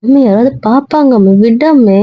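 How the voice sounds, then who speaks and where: Coaxing wife in a comedy skit, mid voice; dry, dull recording. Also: female voice, fairly high pitch, normal speed, no room sound. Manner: pleading, coaxing, repeats herself. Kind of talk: comic couple skit. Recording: dull lo-fi audio.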